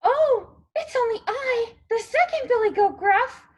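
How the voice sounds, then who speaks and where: A woman's voice: very high-pitched, animated, measured pace, voice pushed up. A woman voicing a meek middle billy goat brother who pleads in a smallish but fuller voice. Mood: meek pleading.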